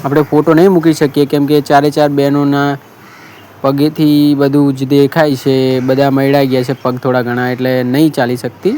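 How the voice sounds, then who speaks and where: A man's voice: mid-range voice, level tone, moderate pace, warm tone, faint music behind. A man with a Gujarati accent, hosting a marriage bureau appeal, telling a story in an earnest, repetitive way and quoting the people who called him. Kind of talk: casual monologue appeal.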